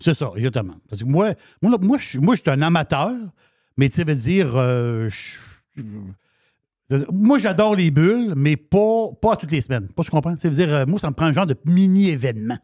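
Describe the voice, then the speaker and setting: A man's voice: fairly high pitch, big pitch swings, moderate pace, darkish tone, no echo. Chatty Québécois man, dry close sound. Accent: Québécois French. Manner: chatty, restarts often, repeats words. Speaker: wine columnist. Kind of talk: casual radio chat.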